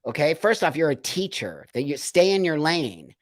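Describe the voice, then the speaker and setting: A man's voice: fairly high pitch, big pitch swings, moderate pace, no echo, clean studio sound. A man hosting a casual live stream, reading out viewer comments and answering them in an emphatic, emotional way, often repeating phrases for stress.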